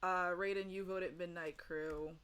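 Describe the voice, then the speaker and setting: Casting note: woman, bright clear tone, casual host who rambles and laughs between thoughts. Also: on the low side, steady tone, unhurried. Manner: rambling, laughing, self-correcting. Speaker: game host. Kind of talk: casual chat on a livestream panel.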